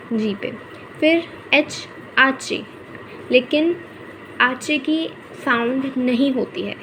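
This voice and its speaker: A woman's voice: a little high, slight background noise, rough recording. A woman teaching a Spanish pronunciation lesson in Hindi, repeating each example word patiently and saying "okay" often.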